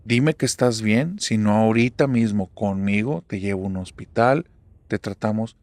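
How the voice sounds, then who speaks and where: An earnest, worried young daughter with a Mexican accent, as a male storyteller plays her. She presses her mother in an insistent, pleading way. The voice is gravelly and recorded close and dry. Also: lowish voice, normal speed, darkish tone, no echo, natural voice.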